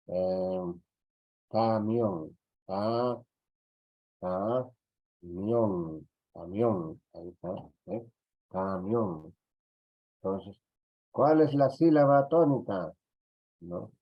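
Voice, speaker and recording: A Peruvian man gives a slow, lower-pitched lecture in an online class, checking in over and over with little tag questions. The audio comes through a computer mic on a video call, and it sounds dull and lo-fi. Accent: Peruvian Spanish. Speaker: teacher.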